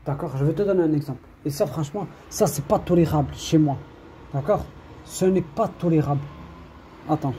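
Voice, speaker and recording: Mellow-voiced man preaching a rambling reminder. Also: on the high side, a little fast, slight background noise. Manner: rambling and repetitive, sprinkled with Arabic religious phrases; scolding, streetwise warnings. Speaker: preacher giving an online religious reminder. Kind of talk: informal spoken religious reminder.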